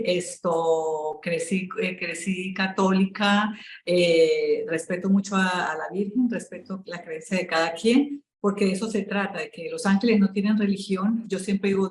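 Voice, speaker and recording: A Colombian woman, a spiritual coach, telling her story in an interview in an emotional, halting way, with many fillers and restarts. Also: on the low side, echoey room, rough recording.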